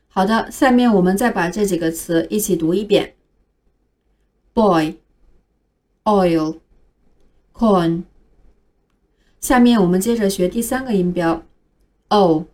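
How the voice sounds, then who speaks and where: A woman's voice: mid-range voice, a little mellow. A woman teaching English pronunciation in a scripted phonics lesson, carefully spelling out each word letter by letter. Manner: slow, careful spelling out of words.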